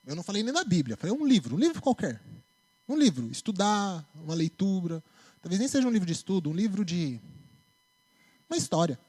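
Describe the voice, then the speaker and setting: A man's voice: high-pitched, brisk. A man with a Brazilian Portuguese accent preaching a sermon in a church, talking in a conversational way and often asking "né?". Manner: conversational, animated preaching with tag questions. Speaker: preacher and psychologist.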